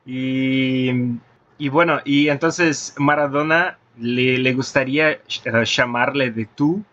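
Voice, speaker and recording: Slow, hesitant man on a dull line. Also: medium pitch, steady tone, bright, forceful tone. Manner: hesitant, many restarts and fillers. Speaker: host. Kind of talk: casual conversation.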